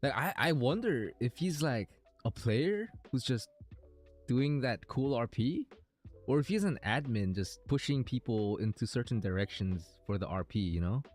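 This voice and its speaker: A man's voice: medium pitch, expressive, moderate pace, darkish tone, soft background music. A man streaming a game, chatting casually with viewers in a hesitant, rambling way, thinking aloud.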